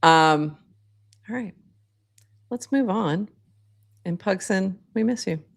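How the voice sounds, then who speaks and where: Mulher animada conversando no podcast. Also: female voice, mid-range voice, animated, takes it slowly, creaky. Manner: chatty, laughs often, many fillers. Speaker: co-host. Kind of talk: casual podcast chat.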